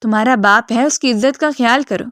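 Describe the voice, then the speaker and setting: A woman's voice: on the high side, fairly bright tone, no room sound, clean studio sound, lightly acted. Woman voicing a bitter, scolding sick man. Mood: bitter, angry. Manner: harsh, scolding. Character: angry sick divorced man, thirty-two, bitter.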